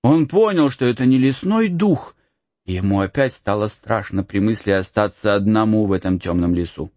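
A man reading a storybook aloud in an unhurried, expressive way. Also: on the low side, no room sound, highs cut off. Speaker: narrator.

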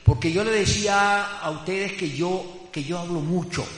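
A man's voice: high voice, normal speed. A man giving a rambling, emphatic testimony in a religious class, repeating his phrases as he goes. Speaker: class participant. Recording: roomy hall with faint hum.

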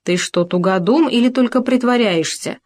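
A woman's voice: medium pitch, normal speed, darkish tone, close to an everyday voice. A woman reading a storybook, voicing a stingy, bossy male hare who blurts out answers.

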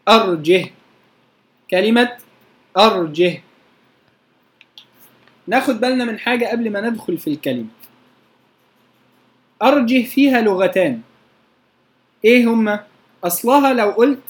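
An Egyptian-accented teacher explains recitation rules in a patient, lesson-style delivery. Verse examples are drawn out slowly and melodically, and the teacher often pauses to check that the class has understood. The voice sits at a middling pitch. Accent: Egyptian Arabic. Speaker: teacher of Quranic readings.

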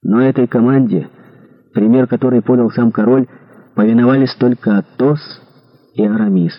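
A man reads an adventure novel aloud with dramatic expression. His voice is husky and mid-pitched, and the recording sounds slightly dull and lo-fi. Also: moderate pace. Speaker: audiobook narrator. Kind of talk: scripted narration.

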